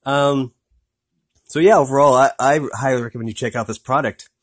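A product reviewer talks over his phone camera about a snack at a fairly quick pace and steady tone, his voice mid-pitched. He hesitates with lots of ums and restarts, and in this relaxed, unscripted food vlog he keeps coming back to "really, really good."

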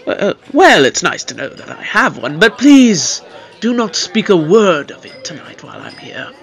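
A man's voice: sits high, very animated, moderate pace, vocal fry, fairly bright tone, full character voice. A man voicing the Doctor as a fussy, theatrical time-traveller who scolds his companion.

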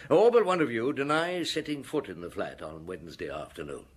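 An actor playing a stern, blunt police chief inspector in a radio drama, questioning in a curt, authoritative, husky voice. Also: male voice, medium pitch, lively intonation, brisk. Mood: commanding.

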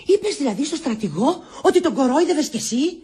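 A woman's voice: high voice, sing-song, mellow. An actress playing an anxious, pious woman friend who frets and exclaims, in a radio comedy. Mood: worried. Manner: fretful, exclaiming.

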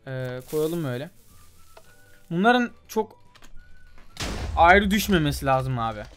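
Young male gaming host, slightly high voice, loose muttering commentary over soft game music. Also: animated, slow. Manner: chatty, mutters while trying, calls viewers "abi" and "gençler". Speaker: gaming YouTuber. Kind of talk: casual gameplay commentary.

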